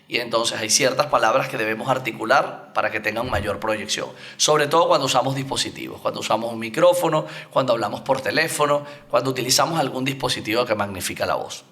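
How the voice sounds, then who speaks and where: A man's voice: medium pitch, quick pace, few pauses, sharp tone. A man as an oratory coach, a guest explaining speaking technique in a didactic way with spoken examples. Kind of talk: explanatory interview talk.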